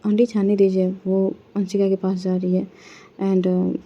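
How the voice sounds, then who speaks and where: A woman's voice: mid-range voice, flat delivery, measured pace, dull audio. A woman voicing an easygoing, coaxing young friend. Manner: coaxing, reassuring.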